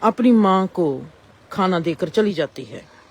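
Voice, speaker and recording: A woman's voice: on the low side, expressive, slow pace, darkish tone. A woman gives a reflective spiritual discourse and asks rising rhetorical questions. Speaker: spiritual speaker.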